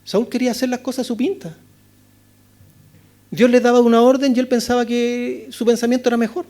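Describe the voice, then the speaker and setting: High-voiced Chilean man preaching. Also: level tone, fairly quick. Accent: Chilean Spanish. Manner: rhetorical questions, frequent "¿no es cierto?", swings between loud and hushed. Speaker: pastor. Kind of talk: expository sermon. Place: church chapel.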